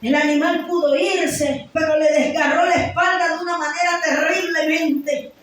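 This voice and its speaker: A woman preacher giving an impassioned sermon, mostly shouting but at times sinking into low, hushed tones. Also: fairly even intonation, normal speed. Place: church hall. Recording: very echoey hall, mic far off, faint noise.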